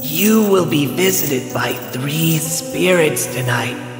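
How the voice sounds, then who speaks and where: A man playing the solemn but cocky ghost of a young hedgehog hero in an audio drama, with a ghostly reverb on his voice. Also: on the high side. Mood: solemn warning. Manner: slow, solemn, haunting delivery. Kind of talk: audio drama character acting. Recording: long echoing reverb, music behind.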